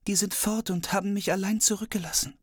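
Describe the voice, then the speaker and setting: A man voicing a frightened young princess girl in a fairy-tale reading, soft and breathy. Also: sits high, fairly even intonation, fast, dry recording, clean studio sound, pitched above the performer's own voice. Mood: plaintive.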